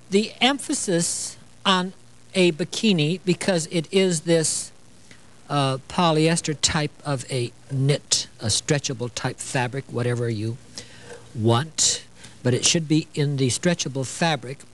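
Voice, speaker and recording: Recorded with poor audio in a TV studio, this older Illinois host leads a sewing demo at a measured pace, his voice a little high. He keeps things chatty and playful, often saying "you know" and cracking jokes on the side.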